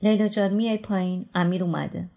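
A woman's voice: mid-range voice, steady tone, creaky, mellow, natural voice. A woman voicing a young female newspaper colleague, speaking in a matter-of-fact way in a book reading. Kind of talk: audiobook reading.

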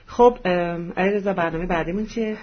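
High-voiced, hesitant male radio host. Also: breathy edge. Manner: hesitant, with many fillers. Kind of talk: radio program link. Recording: dull lo-fi radio recording.

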